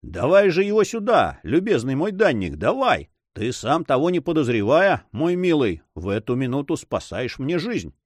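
A man voicing an excitable, easily discouraged male sailor who complains and exclaims. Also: fairly high pitch, normal speed, no echo, pitched above the performer's own voice.

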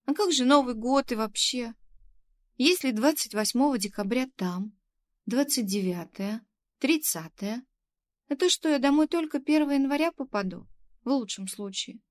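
A woman's voice: on the high side, lively intonation, normal speed, pitched above the performer's own voice, close to an everyday voice. A woman voicing a sulky young female kindergarten worker in her twenties, grumbling and reluctant. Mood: glum. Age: 20s.

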